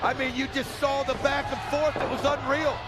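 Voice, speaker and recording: A man doing live wrestling commentary as a color commentator, excited and exclamatory. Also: very high voice, fairly quick. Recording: loud crowd and music behind. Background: arena crowd and music.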